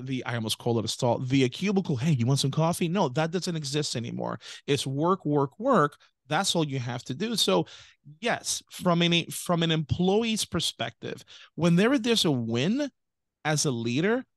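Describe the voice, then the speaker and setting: Rambling man, higher pitched, dry sound. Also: dry recording. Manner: rambling, self-interrupting, prone to tangents. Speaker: podcast co-host. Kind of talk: casual business podcast chat.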